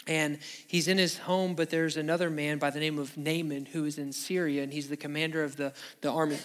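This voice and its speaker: A man's voice: on the high side, little pitch movement, a little fast. A man preaching a sermon to his church, telling a Bible story and acting out its quotes. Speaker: pastor. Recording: music playing behind the voice.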